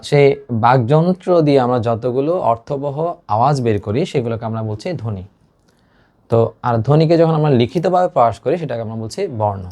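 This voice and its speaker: A quick-talking male teacher. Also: mid-range voice, a little mellow. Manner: explains step by step, mixing English words into his speech. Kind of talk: online exam-prep lesson.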